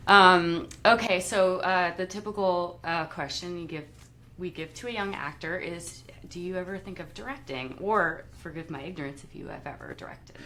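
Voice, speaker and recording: A woman's voice: fairly low pitch, normal speed, few pauses, pushed and bright, slight background noise. A woman hosting a live interview, asking questions in a friendly, giggly way. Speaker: interviewer host.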